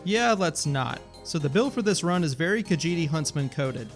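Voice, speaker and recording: Gaming narrator, male, wry and joking, a bit high-pitched. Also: lively intonation, moderate pace, soft background music. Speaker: gaming YouTuber. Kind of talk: scripted gameplay narration.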